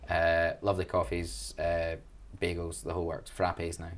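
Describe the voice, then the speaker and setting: In a low, monotone voice at normal speed, a young man from Glasgow, Scotland, speaks with a Glaswegian accent. He answers a casual interview with enthusiasm about student union events and a self-deprecating sense of humor.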